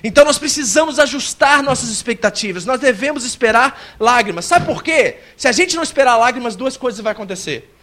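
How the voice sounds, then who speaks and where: A man preaching a sermon as a pastor, swinging between soft, close passages and loud, emphatic lines, and acting out a worshipper's complaints. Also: expressive, a little fast. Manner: acts out a worshipper's complaints in a high whiny voice.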